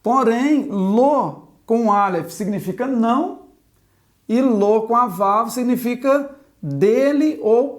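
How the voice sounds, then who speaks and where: A woman teaching a language lesson at a board, spelling out sounds one at a time and asking the viewer to repeat after her. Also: on the high side. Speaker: Hebrew teacher. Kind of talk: slow, patient board lesson.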